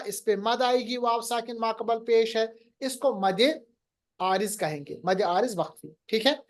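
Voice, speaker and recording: Woman teacher, slightly high voice, really slow patient explaining, asks the class questions. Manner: patient, explains rules and quizzes students. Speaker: Quran recitation teacher.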